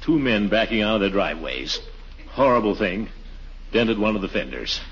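A theatrical, blustery middle-aged bachelor uncle in 1940s radio comedy fashion. His pitch leaps up and down with pompous, nervous bluster. The recording is muffled, with light noise. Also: sing-song, normal speed, a bit bright. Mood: nervous, evasive.

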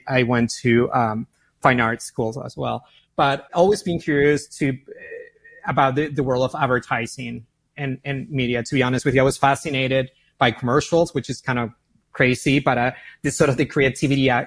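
A founder and CEO from Argentina, speaking with an Argentine Spanish accent, responds to interview questions with animation in a mid-range voice. He often repeats words while working out his thoughts.

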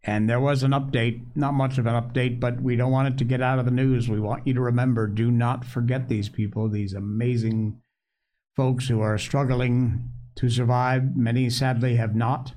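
A man hosting an opinionated news commentary show, speaking emphatically with dramatic pauses straight to his listeners. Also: medium pitch, level tone, darkish tone. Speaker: show host.

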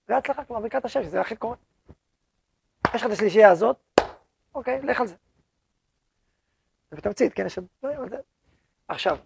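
Gravelly high-voiced rabbi lecturing students. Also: male voice, dry recording. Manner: animated, repeats words for emphasis. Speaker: yeshiva head rabbi.

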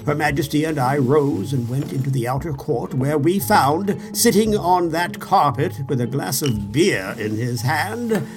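Narrator putting on a sulky, self-satisfied old storybook king; rambling, animated delivery. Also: on the high side, a little slow, few pauses, over music. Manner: rambling, grumbling, pleased with himself.

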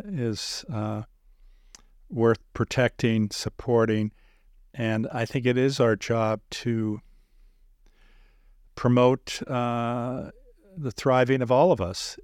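Earnest man hosting, measured and dry. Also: medium pitch, a little mellow, no echo. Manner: measured and earnest, with frequent "uh" fillers. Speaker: podcast host interviewing a guest. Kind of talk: reflective interview talk.

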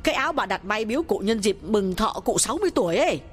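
Guy doing a nervous young maid, high pitched, full of quick worried questions, faint music. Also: big pitch swings, a bit bright. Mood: anxious. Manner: curious, pleading, quick questions. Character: young female servant, eager and anxious.

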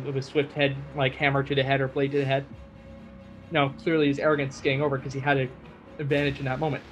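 A man's voice: mid-range voice, a bit bright. A man hosting a podcast and recapping a story in a casual, chatty way with many fillers. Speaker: podcast host.

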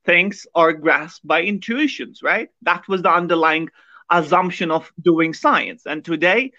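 A man's voice: fairly high pitch, measured pace, pushed and bright, dry recording, lo-fi sound. A man from Kashmir with a Kashmiri accent, explaining ideas as a podcast guest. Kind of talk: explanatory interview talk.

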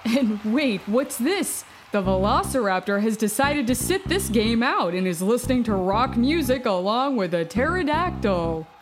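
A woman's voice: a little high, big pitch swings, moderate pace, hardly any pauses. A woman narrating a children's story as an exclamatory, theatrical sports announcer. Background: music.

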